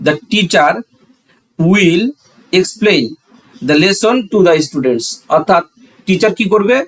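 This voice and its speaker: In a low-quality recording, a man whose voice sits high teaches a classroom-style English grammar lesson with a Bangladeshi accent. He proceeds step by step in a didactic way, repeating key phrases and supplying answers to his own questions.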